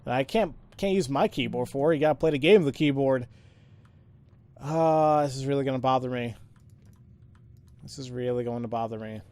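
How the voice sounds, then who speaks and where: A let's player with a medium-pitched, darkish voice talks briskly but pauses often, musing aloud in a rambling, self-deprecating way. When text comes up, he mumbles his way through reading it.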